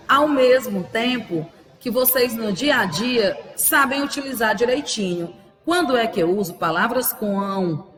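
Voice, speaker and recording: A woman's voice: medium pitch, echoey room, in a large hall. A woman teacher with a Brazilian Portuguese accent, giving a patient, didactic grammar lesson to children and asking rhetorical questions. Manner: affectionate, uses diminutives with pupils. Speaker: primary school teacher.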